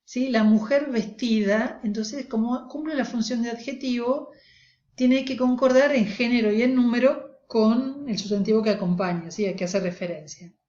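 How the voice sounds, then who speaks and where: A woman's voice: a little high, normal speed, a little mellow. A woman teacher giving a recorded grammar lecture, explaining step by step and often checking in with her students. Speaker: language teacher. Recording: roomy, dull lo-fi recording.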